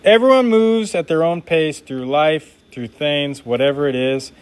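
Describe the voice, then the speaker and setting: During a live stream, a man makes knives while chatting casually and reading viewer comments aloud. His smooth voice is on the high side, and he keeps a measured pace and an upbeat, laid-back manner.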